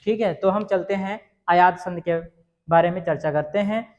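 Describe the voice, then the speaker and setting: A man teaching a grammar lesson, sounding out words slowly and asking the viewer whether they understood. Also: sits high, darkish tone. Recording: dull lo-fi sound.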